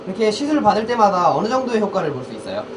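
A TV reporter asking quick, polite questions on site. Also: mid-range voice, big pitch swings. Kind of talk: on-site interviewing. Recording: echoey room with faint noise.

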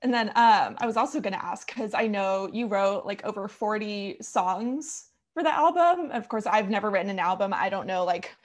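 A woman's voice: medium pitch, normal speed. A young woman interviewing a musician over a video call, friendly and chatty, asking questions with fillers. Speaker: interviewer, music magazine editor. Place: small room indoors. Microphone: video call, over-ear headphones.

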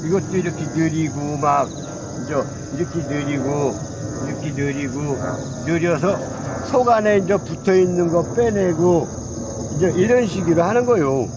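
A man's voice: on the high side, moderate pace, heavy background noise. A man who grows pine trees, speaking, casually demonstrating pruning outdoors and repeating his phrases as he points at branches. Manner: repetitive, folksy explaining while pointing at branches. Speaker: pine tree grower.

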